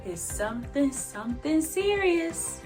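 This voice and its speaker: Woman doing a high-voiced folksy farmer man with a drawl, y'all and yonder. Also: very animated, unhurried, over music. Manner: folksy drawl, calls people honey and baby. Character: folksy rural southern male farmer.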